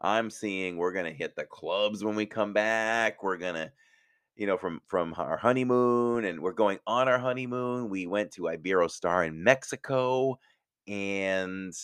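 A man's voice: sits low, measured pace, a bit bright, clear, resonant tone, no room sound. A middle-aged man hosting a podcast, telling a personal story in a chatty, self-mocking way and laughing at his own jokes. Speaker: podcast host. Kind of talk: casual storytelling.

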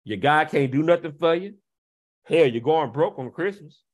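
A man with a high voice rants straight at his audience. He taunts them with rhetorical questions, scoffs and laughs, then drops into low, slow muttering. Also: expressive. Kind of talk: confrontational rant to camera.

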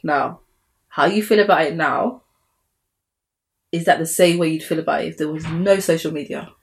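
A woman's voice: sits low, moderate pace. A young woman co-hosting a casual podcast, talking reflectively and repeating points for emphasis. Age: young adult. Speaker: podcast co-host.

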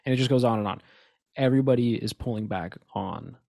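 Recorded on a dry podcast mic, a man with a medium-pitched, dark voice and vocal fry talks fairly quickly while co-hosting a casual conspiracy chat. He has the hiccups and rambles emphatically, with lots of restarts and asides.

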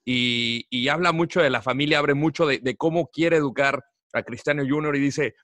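A man, retelling a story in lively, slangy podcast chat. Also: on the high side, normal speed, no echo. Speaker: podcast co-host. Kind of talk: casual chat.

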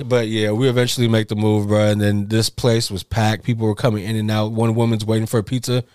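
Fast-talking profane man, dry. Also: lowish voice, flat delivery, darkish tone, clear, resonant tone, no echo. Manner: rapid profane storytelling, heavy slang. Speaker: podcast co-host. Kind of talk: casual storytelling chat.

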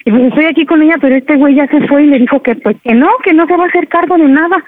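A woman's voice: high-pitched, very fast, no echo, close to an everyday voice. A woman prank-calling on the phone, playing a scared pregnant daughter who pleads and talks over her mother. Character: young woman pretending to be two daughters. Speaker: prank caller. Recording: dry tinny phone line.

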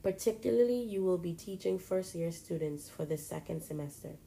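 A woman's voice: on the low side, expressive, moderate pace, creaky, mellow. A woman reading the lines of a cordial middle-aged male mentor in a suit, with formal, courteous speech.

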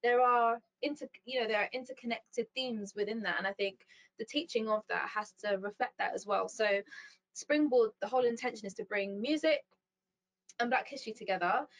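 A woman's voice: fairly high pitch, fairly quick, low-quality recording. A young woman guest speaking about her work in a thoughtful, casual way, with many ums and likes. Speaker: founder and CEO, guest. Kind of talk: casual interview chat.

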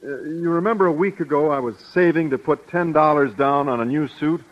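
An actor playing a bashful, penny-pinching teacher, hesitant, earnest and pedantic, in a 1950s radio sitcom. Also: male voice, fairly high pitch, fairly quick, close to an everyday voice. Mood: sheepish. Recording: muffled, noisy vintage radio recording.

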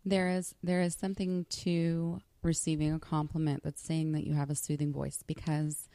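Low, mellow-voiced woman podcast host. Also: flat delivery, normal speed, dry recording. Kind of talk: conversational interviewing.

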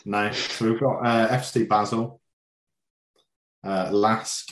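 An echoey, roomy recording of a man with a fairly low voice. He plays quizmaster on a football podcast, chatting casually and bantering with the contestants. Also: fairly even intonation, slow pace. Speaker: quiz host on a football podcast.

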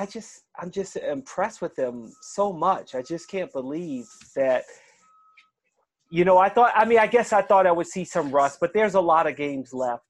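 A man's voice: on the high side, no echo. Man co-host reading betting odds. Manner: leads the talk, reads odds, asks questions. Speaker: sports betting podcast co-host. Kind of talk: casual sports chat.

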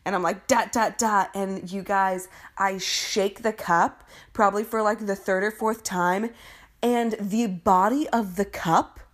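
Young woman, casual storyteller, lively and foul-mouthed, jumps into high squeals when quoting herself. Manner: animated, profane, laughing often, acts out her younger self in high squeals.

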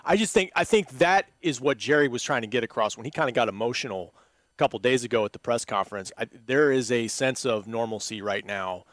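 A man's voice: medium pitch, animated, a little fast, a bit bright, no room sound, studio quality. A man co-hosting a casual sports podcast who speaks in a reflective, thoughtful way. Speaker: podcast co-host.

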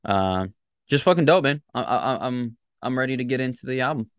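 A man's voice: mid-range voice, lively intonation, fairly quick, clean tone, dry recording. A man hosting a podcast in a casual, enthusiastic, slangy way, swearing freely. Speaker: podcast host. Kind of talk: casual chat.

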